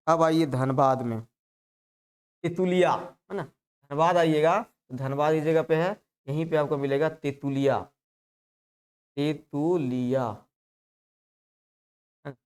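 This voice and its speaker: A man's voice: fairly high pitch, steady tone, normal speed, a little mellow, clean tone. A male teacher giving a live exam-prep class, repeating terms and coaxing students with constant checks. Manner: repetitive, coaxing, peppers lines with "hai na".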